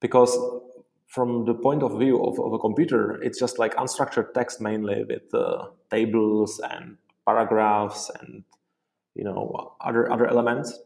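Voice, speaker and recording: A man's voice: on the low side, little pitch movement, unhurried, gravelly, a little mellow. Czech-accented man explaining, roomy echo. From Czech Republic. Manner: explanatory, frequent fillers like "you know" and "uh". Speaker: guest, software company co-founder. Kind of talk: interview answers.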